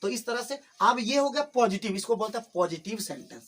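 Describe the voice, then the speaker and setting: Speaking slowly and expressively in a high voice, a patient male teacher leads a classroom of students through spoken English in Hindi. His explanations are repetitive, and he talks to the class affectionately. The audio comes from a camera rather than a microphone.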